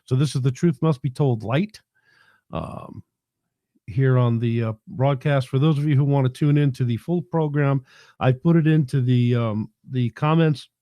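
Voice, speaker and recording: Here a livestream host originally from New York talks casually from his house in the South, his mellow, mid-range voice moving at a normal speed. He's at the tail end of a head cold and drifts along in a folksy, rambling manner with plenty of fillers. The recording is dry.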